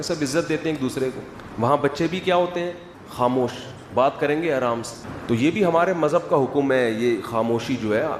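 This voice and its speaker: Man, lively sermon, rhetorical questions, long hall reverb, faint background hum. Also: mid-range voice. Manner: animated, acts out quoted voices, rhetorical questions to the audience. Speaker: Islamic scholar giving a talk. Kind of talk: lively sermon with humorous asides. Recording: echoey hall with faint ambience.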